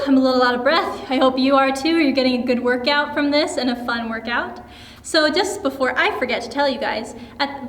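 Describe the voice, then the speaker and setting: A young woman with a high, bright voice leads a children's dance class, explaining steps in an encouraging, upbeat way. Her voice rings with a long reverb, as if she is in a big, echoey room. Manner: upbeat, encouraging, counts and demonstrates moves. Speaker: dance teacher. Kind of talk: kids' dance lesson.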